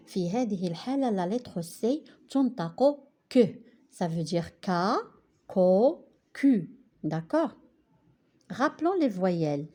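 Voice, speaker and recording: A woman's voice: on the low side, warm tone. Patient woman teaching children. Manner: slow, patient, explains step by step, mixes in Arabic. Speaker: primary school teacher. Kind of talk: remote lesson narration.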